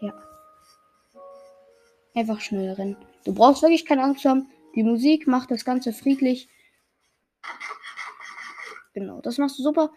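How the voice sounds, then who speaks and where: A young woman with a slightly high voice talks another player through a game in a relaxed, casual chat. She reassures and prods, mixing in slangy words, while faint game music plays underneath. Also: unhurried, pauses often. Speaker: player coaching another gamer.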